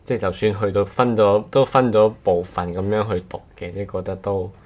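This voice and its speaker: A podcast co-host with a very low voice and a Cantonese accent chats casually, his tone a little mellow. He speaks in short, halting bits, often going back to rephrase, in an unscripted, conversational way.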